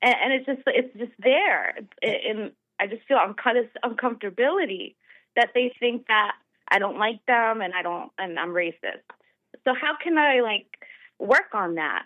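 Calling a talk show from the United States, this woman speaks hesitantly and earnestly in a fairly high, animated voice at a moderate pace. There's no echo, just the tinny quality of a phone line.

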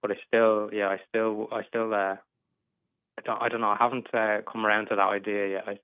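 Young man, twenties, hesitant, stumbles and restarts, lowish voice, thin phone-line sound. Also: level tone, fairly quick, clear, resonant tone, no echo. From England. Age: 20s. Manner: hesitant, stammering with many restarts. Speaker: caller. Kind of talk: casual advice call.

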